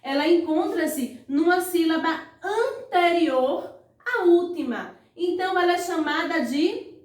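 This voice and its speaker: A woman's voice: extremely high pitch, animated, recorded from a distance. A woman teaching a primary school lesson online, often prompting pupils with little calls to look and stretching out words syllable by syllable. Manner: slow, stretched-out syllables when saying words; frequent "ó" and "vejam só" prompts to pupils. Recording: echoey room, voice away from the mic.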